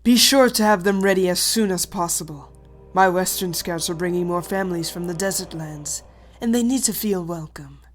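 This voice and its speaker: A woman voicing a commanding dragon queen in an animated fantasy, imperious, measured and smoothly condescending. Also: lowish voice, lightly acted. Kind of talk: animated fantasy drama acting.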